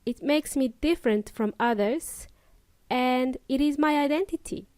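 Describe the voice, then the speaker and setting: With a bright, high voice and an Eastern European accent touched by Kiwi and Australian traces, this upbeat woman teaches English as a podcast host in a friendly lesson. The recording is dry and close, with no room sound, and she talks at a measured pace, speaking straight to listeners with occasional Spanish asides.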